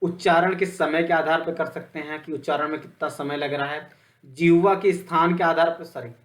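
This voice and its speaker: A male teacher giving a Hindi grammar lecture, asking questions and answering them himself. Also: a little high. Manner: plain, steady explaining with frequent fillers.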